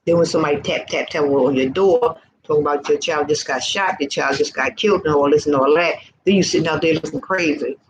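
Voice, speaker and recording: With a voice that sits low, she talks fairly quickly and with few pauses. She's a faith vlogger in her early sixties, giving informal, fervent encouragement that's repetitive and preacher-like. Background hiss runs noisily through the recording.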